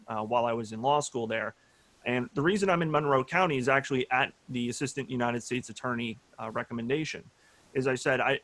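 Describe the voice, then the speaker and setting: A man's voice: medium pitch, fairly bright tone. A man in his thirties, a judicial candidate, answering forum questions earnestly with many "uh" fillers over a video call.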